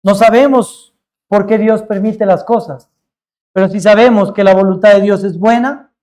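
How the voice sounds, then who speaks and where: A male pastor preaching a sermon with earnest emphasis, slowing down to stress key words as he retells a scripture story. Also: high voice, fairly even intonation, darkish tone.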